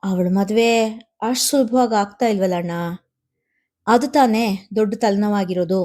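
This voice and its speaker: A woman's voice: mid-range voice, normal speed, darkish tone, lightly acted. A woman voicing a worried middle-aged mother who talks to her elder brother in an anxious, hesitant way.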